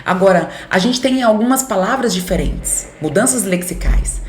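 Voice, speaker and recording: A woman's voice: mid-range voice, expressive, normal speed, slight background noise. A Brazilian woman teacher with a Center-West accent gives a recorded grammar lesson, explaining step by step, checking in with her students and voicing their imagined questions. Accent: Brazilian Portuguese, Center-West. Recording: echoey room.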